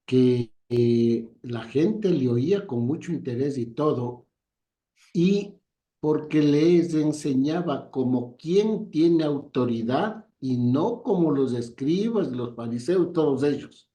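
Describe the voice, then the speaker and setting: Slow-talking guy at bible study, dark voice, roomy echo. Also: medium pitch, animated. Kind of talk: slow reflective comment. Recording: echoey room.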